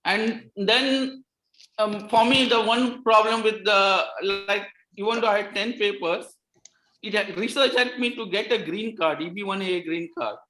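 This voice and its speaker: Guy on a panel call, kinda high voice, halting and earnest, lots of restarts, echoey room. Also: sharp tone, a little hiss or hum. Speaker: pathology resident panelist. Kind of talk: online panel discussion. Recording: roomy echoey audio.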